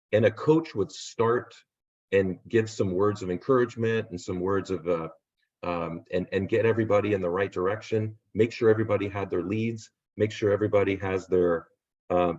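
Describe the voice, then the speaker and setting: A man hosting a real estate agent training on a video call, upbeat and rambling, losing his voice and clearing his throat. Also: low voice, a little mellow. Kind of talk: casual video call pep talk. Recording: dull lo-fi video call audio.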